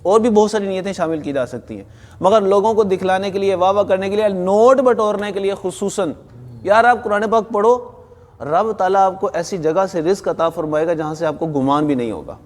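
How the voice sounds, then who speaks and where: A male recitation teacher lectures his students in a firm, emphatic way, stopping to quiz them. His voice sits a little high for a man. The sound rings with a long hall reverb. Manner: firm, emphatic, quizzes the class. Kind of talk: classroom lesson to students. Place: classroom with students.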